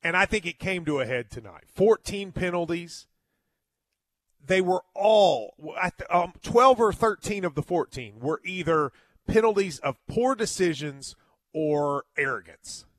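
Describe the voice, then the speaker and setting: A male sports host delivers a solo postgame monologue in a fairly high voice. The sound is very dry. He is emphatic, often stopping and repeating words as he makes his point. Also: expressive, measured pace, dry recording.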